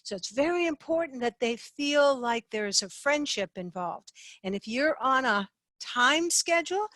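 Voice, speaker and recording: A woman teaching a slideshow lesson on sales, lively and expressive, sweeping her voice up and down to show inflection. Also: high voice, a little slow, dry recording. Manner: lively, sings phrases up and down to demonstrate inflection. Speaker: sales trainer.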